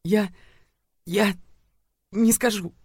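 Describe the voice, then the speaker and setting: A tearful young cheerleader girl , put on by a male audiobook reader pleads in a high, shaking voice and stumbles over her words. The sound is close and dry, with no room around it. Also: fairly quick, no echo, natural voice. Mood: frightened pleading. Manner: trembling, pleading, stammering. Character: terrified petite young female cheerleader, tearful.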